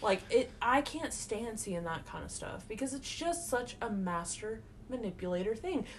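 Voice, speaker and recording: A woman in her twenties co-hosting a podcast, talking in an indignant, animated way. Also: a little high, normal speed. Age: 20s. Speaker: podcast co-host. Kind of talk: casual chat. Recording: faint background noise.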